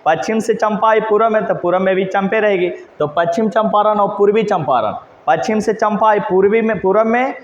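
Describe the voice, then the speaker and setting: A man's voice: sits high, normal speed, few pauses, a little hiss or hum. A male teacher, teaching geography by mnemonics, asking questions and answering them himself in repetitive call-and-response. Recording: echoey hall, dull lo-fi sound.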